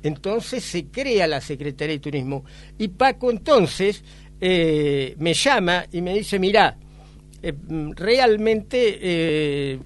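A man's voice: on the high side, animated, takes it slowly. An older man with an Argentine Spanish accent, recalling events as an interview guest, hesitant with many filler sounds. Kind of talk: conversational recollection.

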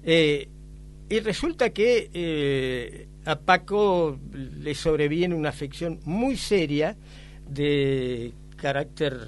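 An older man with an Argentine accent tells his stories slowly and haltingly, pausing often on filler sounds. His voice sits fairly high for a man. A faint noise runs under the recording. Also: expressive. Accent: Argentine Spanish. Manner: hesitant, many "eh" fillers, anecdotal storytelling. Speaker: interview guest. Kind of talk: conversational recollection.

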